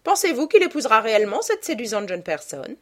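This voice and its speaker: A woman voicing an effusive high-society old duchess, exclaiming and gushing. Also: sing-song, fast.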